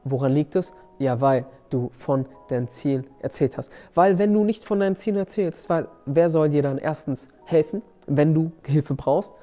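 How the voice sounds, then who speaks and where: A podcast host and seminar coach speaks emphatically on his motivational show, often repeating key words and restarting phrases. His voice is warm and fairly high, moving at a moderate pace with few pauses over soft background music.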